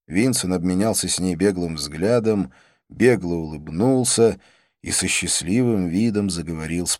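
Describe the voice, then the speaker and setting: A man narrating an audiobook in a steady, measured storytelling manner. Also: low voice, dry recording, studio quality. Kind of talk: audiobook reading.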